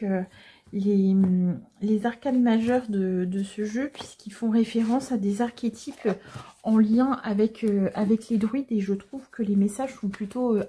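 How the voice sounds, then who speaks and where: A woman giving a casual tarot reading to viewers, explaining the cards gently and hesitantly with frequent pauses. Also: mid-range voice, slightly rough. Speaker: tarot card reader.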